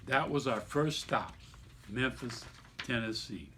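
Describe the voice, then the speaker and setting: A middle-aged man reads his own children's book aloud at medium pitch with a sharp tone, over a little hiss or hum. His storyteller delivery is emphatic and deliberate, with asides explaining things to the audience.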